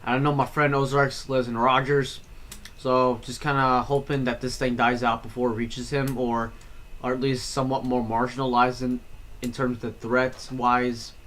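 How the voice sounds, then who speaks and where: A man talks through live storm coverage in a loose, rambling way. He corrects himself often and fills the pauses with "uh" and "um". His voice sits at a middle pitch. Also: little pitch movement, a bit bright. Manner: casual, rambling, frequent fillers and self-corrections. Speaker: storm streamer. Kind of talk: live weather stream commentary.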